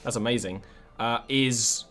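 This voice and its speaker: A man's voice: medium pitch, measured pace, a bit bright. Hesitant male game master, casually improvising.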